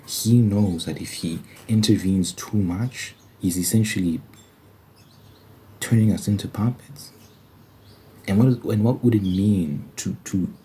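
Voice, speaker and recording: Hosting an ASMR Bible study, a man gives an informal, reflective monologue, thinking aloud as he offers conversational commentary on scripture. His voice is low and mellow, with slight background noise.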